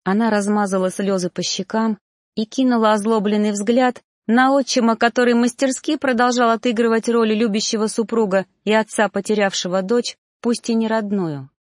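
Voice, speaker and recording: A woman reading a first-person novel aloud in an expressive, scripted narration. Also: on the high side, normal speed, no room sound, clean studio sound. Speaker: audiobook narrator.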